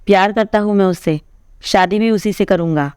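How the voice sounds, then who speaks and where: A woman's voice: medium pitch, moderate pace, a little mellow, clean tone, no echo, clean studio sound, natural voice. Woman voicing Rakesh, a stubborn young lover. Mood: defiant. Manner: earnest, insistent, pleading. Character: stubborn young man in love, defiant toward his sister.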